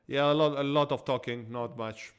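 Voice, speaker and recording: A man with an Italian accent hosting a podcast, chatting casually and jokingly, trailing off into quiet asides. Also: mid-range voice, fairly even intonation, moderate pace, clear, resonant tone, muffled recording. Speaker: podcast host. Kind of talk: casual interview chat.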